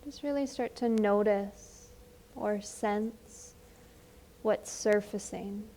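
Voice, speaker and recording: A female teacher talks listeners through a guided meditation in a soft, reassuring way, with unhurried phrasing and extended pauses. Her voice is medium-pitched, and a little background noise can be heard.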